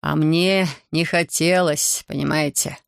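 A man's voice: on the high side, fairly even intonation, a little slow, gravelly, fairly bright tone, smooth, no room sound, clean studio sound. A man reading the lines of an indignant male investigator who argues defensively and later turns weary and sympathetic. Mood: weary, sincere. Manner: offended, argumentative, later weary.

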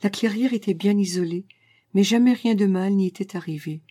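A woman reading a classic story aloud in a calm, measured way. Her voice is warm and mellow, and the recording is dry and close, with no room around it. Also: mid-range voice, dry recording. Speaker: narrator.

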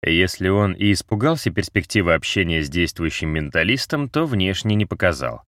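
Deep-voiced male audiobook narrator. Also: animated, moderate pace, fairly bright tone, no room sound, studio quality.

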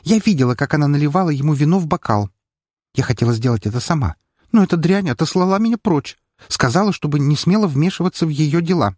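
A distraught young maid in an audiobook, clipped and strained, her hostility barely held back and her voice pitched high and husky, as a man puts her on. The sound is dry and close. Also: lively intonation, fast, darkish tone, no echo. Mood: hysterical. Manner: clipped, strained speech through clenched teeth. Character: young maid, grieving, hostile and near tears.

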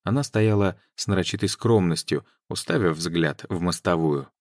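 A man reads an audiobook in a very deep, low voice, even and measured. The sound is dry and close to the mic. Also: no room sound. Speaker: audiobook narrator. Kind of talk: scripted narration.

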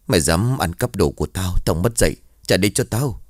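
A man's voice: low-pitched, animated, brisk, no echo, studio quality. A man doing a snarling young thief. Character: young male thief, vicious and panicked killer.

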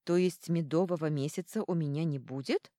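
A woman's voice: sits low, brisk, dark tone, no room sound, clean studio sound, natural voice. A woman voicing a polite young prince who is tipsy and trips over his words. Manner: formal, stumbling over words.

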